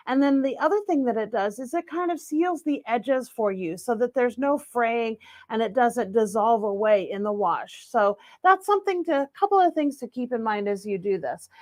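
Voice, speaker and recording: A woman's voice: on the high side, lively intonation, moderate pace, hardly any pauses, a little mellow, dry recording. A woman, cheerfully demonstrating a sewing machine technique as an instructor. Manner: upbeat, chatty. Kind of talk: how-to demonstration. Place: sewing store studio.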